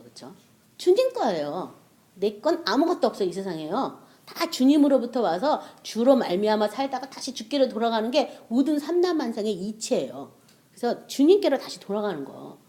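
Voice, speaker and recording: A woman's voice: fairly high pitch, mellow. A middle-aged woman preaching a sermon, telling stories with rhetorical questions and bursts of laughter.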